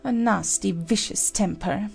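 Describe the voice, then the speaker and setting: A woman's voice: medium pitch, measured pace, creaky, darkish tone, husky, faint music behind, full character voice. A woman playing a stern, bossy, haughty queen who lectures sharply in a storybook drama. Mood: impatient.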